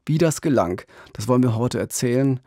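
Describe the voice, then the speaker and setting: A middle-aged man hosts a true-crime podcast, recounting the story conversationally into a close studio microphone with a pop filter in a radio studio. His medium-pitched voice is dark in tone, animated and fairly quick, with no room sound.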